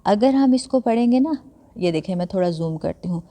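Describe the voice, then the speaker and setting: A woman giving a patient step-by-step prayer lesson, repeating recitations slowly syllable by syllable and mixing English words into conversational teaching. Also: mid-range voice, animated, warm tone, long reverb tail. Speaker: religious teacher.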